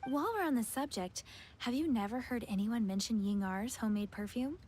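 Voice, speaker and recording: An actress voicing a composed young fortune teller in a video game, measured and politely reserved. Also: female voice, fairly high pitch, a little mellow, slight background noise, close to an everyday voice. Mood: composed, informative. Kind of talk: anime video game character acting. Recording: music behind the voice.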